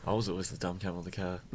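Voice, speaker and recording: A young man with a New Zealand accent chatting casually and swearing with his mates. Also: lowish voice.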